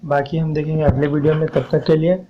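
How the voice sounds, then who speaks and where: A man's voice: a little high, little pitch movement, quick pace, muffled recording, a little hiss or hum. Man teaching poetic meter, diction. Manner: patient, repeats steps, urges viewers to ask questions. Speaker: poetry teacher. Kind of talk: explaining a lesson on poetic meter.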